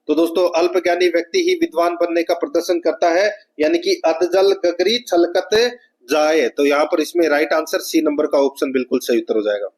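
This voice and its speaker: A man with a Rajasthani Hindi accent, a little high and animated at a moderate pace, runs an exam prep lesson. He reads out each question and explains the answer, repeating himself and constantly addressing his viewers as friends.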